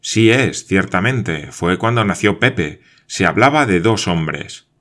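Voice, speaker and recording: A man's voice: low-pitched, animated, slow, a bit bright, full character voice. A man reading aloud voices a stubborn, insistent frontier sergeant in a storybook, talking emphatically and firmly.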